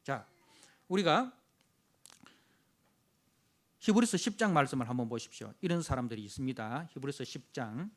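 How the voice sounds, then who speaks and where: A man's voice: medium pitch, lively intonation, normal speed, long pauses. A male pastor delivering a sermon. He is emphatic, dramatically voices the complainers he preaches about, and keeps dropping short affirming interjections between phrases. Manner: punctuates phrases with frequent affirming "yes" interjections.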